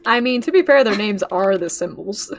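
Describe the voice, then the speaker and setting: A young woman hosting a casual reaction chat, swearing freely, laughing often and talking in quick bursts. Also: mid-range voice, expressive, a little hiss or hum. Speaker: reaction video host. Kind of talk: casual commentary chat while watching a show.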